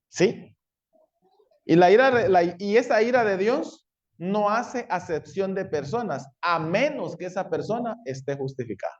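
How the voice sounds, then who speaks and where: High-voiced preacher checking in with "¿sí?". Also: male voice, muffled recording. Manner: asks the congregation frequent "¿sí?" and "¿verdad?"; acts out the law shouting accusations. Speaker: pastor. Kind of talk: sermon.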